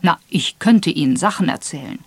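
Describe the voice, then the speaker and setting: A man's voice: a little high, lively intonation, normal speed, a bit bright, no echo. An audiobook reader voicing an older man, a gallant, self-satisfied and gossipy retired officer. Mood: confiding. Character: Major Palgrave, older man, boastful and gallant. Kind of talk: audiobook character voice.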